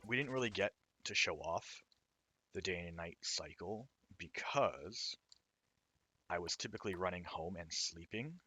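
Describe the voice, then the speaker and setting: A man with a hoarse, raw throat, casually explaining his own game while he plays it. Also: sits low, sharp tone. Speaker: indie game developer. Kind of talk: let's-play commentary.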